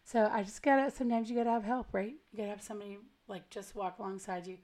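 An American woman hosting a podcast with casual, rambling, slangy chat, her gravelly voice hoarse and smoky from a cold. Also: medium pitch, steady tone, quick pace, darkish tone. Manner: chatty, rambling, self-deprecating, slangy. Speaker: podcast host. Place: at home.

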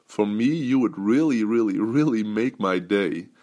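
A man's voice: on the low side, animated, unhurried, a little mellow. A Dutch man hosting his own podcast as a business coach, talking loosely with many fillers and restarts. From Netherlands. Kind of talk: casual solo podcast talk.

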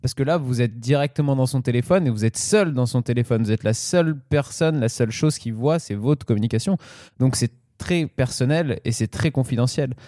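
A man's voice: mid-range voice, fairly quick, warm tone, dry recording, clean studio sound. A man co-hosting a casual podcast discussion, explaining and speaking directly to listeners.

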